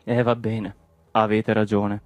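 A man voicing a poor middle-aged villager who speaks calmly and plaintively. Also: lowish voice, slow pace, dry recording, soft background music. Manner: calm, plaintive.

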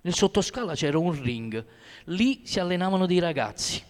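A man reads a first-person story aloud, measured and steady. His voice sits high for a man. The recording carries a long reverb, as in a large hall.

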